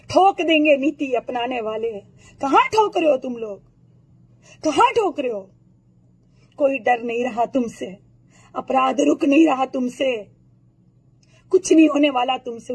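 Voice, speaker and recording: Hoarse woman in a furious high-pitched rant. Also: poor audio. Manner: furious, accusatory, hurls insults and rhetorical questions. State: hoarse throat. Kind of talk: impassioned political rant to camera.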